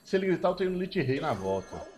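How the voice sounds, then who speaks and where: A man with a Brazilian Portuguese accent commentating his own card-game match, excitable and breaking into shouted celebrations. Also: a little high, fast, over music. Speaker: gameplay streamer.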